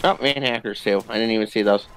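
Very noisy audio carries a man's low voice as he talks quickly during a co-op video game. Between bursts of game gunfire and ambience, he keeps up a casual, jokey running commentary.

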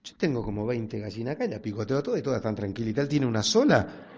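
A man's voice: medium pitch, big pitch swings, fast talker, darkish tone, breathy edge, muffled recording, pitched below the performer's own voice. An older man voicing a scornful rooster. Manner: dismissive, mocking. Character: scornful male rooster with many hens.

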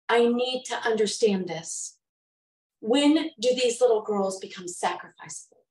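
A middle-aged woman giving a prepared talk to an audience, impassioned, with emphatic repetition and rhetorical questions. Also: mid-range voice. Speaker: public speaker and trainer. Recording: roomy echo, mic from far off.

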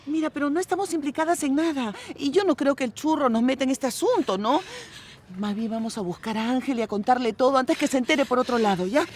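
A middle-aged actress playing a devoted godmother who soothes and coaxes, repeating herself to calm others. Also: high-pitched, fast, natural voice. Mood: anxious. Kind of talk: telenovela acting.

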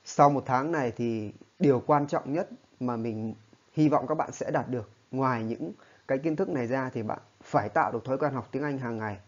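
A man's voice: mid-range voice, fairly quick, muffled recording. A man teaching a spoken lesson, explaining patiently and often checking in with his listeners. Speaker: English teacher.

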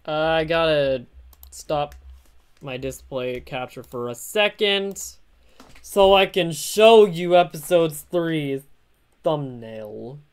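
A man's voice: on the high side, lively intonation, slow, clean tone. A young man hosting a livestream, chatting casually and joking around. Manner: joking, rambling, self-deprecating. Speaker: channel host streaming.

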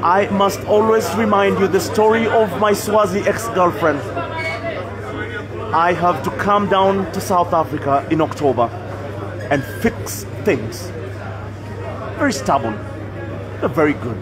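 Speaking slowly with long pauses, a high-pitched Kenyan man calls a pool match live for a stream from a tournament venue in Nairobi. He keeps it chatty and greets viewers by name between shots, while a loud crowd roars all around.

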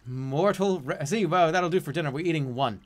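Male gameplay streamer, raised pitch, casual delivery, profane and exasperated ranting with sarcasm. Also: fairly quick. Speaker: video game streamer.

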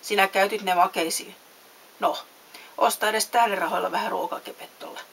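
A woman's voice: medium pitch, fairly even intonation, gravelly. A woman voicing a talking cricket who acts as a worried conscience, crying out and scolding. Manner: loud scolding cries. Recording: faint hiss.

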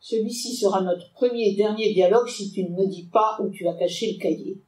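A woman's voice: mid-range voice, fairly quick, darkish tone, close to an everyday voice. A woman reading the curt, threatening lines of a young girl holding a gun, in a roomy space away from the mic. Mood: menacing. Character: cold, menacing young girl with a revolver. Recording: roomy sound, mic far off.

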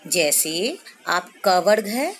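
A woman teacher explaining a lesson slowly to children, stretching out sounds and examples. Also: fairly low pitch, very animated, a little hiss or hum. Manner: slow, explanatory, addresses children, drawn-out syllables. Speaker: school teacher. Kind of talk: recorded classroom lesson.

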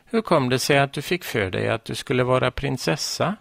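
A man's voice: medium pitch, expressive, creaky, no echo, studio quality. A man voicing a mother who scolds and coaxes her small daughter in a children's story. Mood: amused. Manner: scolding, coaxing, then amused. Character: stern but fond mother of a small girl. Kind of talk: storybook reading.

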